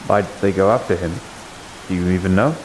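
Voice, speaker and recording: In an improvised fantasy roleplay, a man plays a cautious, reserved and learned character, sounding inquisitive. His low, gravelly voice is lightly acted, with a measured, hesitant delivery. The recording is rough, with slight background noise.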